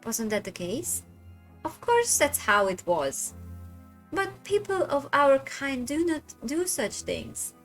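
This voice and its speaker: A woman's voice: high voice, sing-song, slow, a bit bright, faint music behind, pitched above the performer's own voice, full character voice. A woman voicing a stern upper-class Victorian woman who scolds her younger sister in a haughty manner. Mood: scolding.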